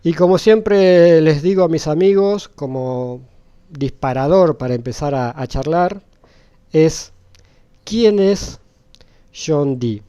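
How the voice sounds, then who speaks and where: Slow, mellow-voiced male host. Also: fairly high pitch, expressive, clean tone, dull audio. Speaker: channel host, interviewer. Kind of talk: casual interview.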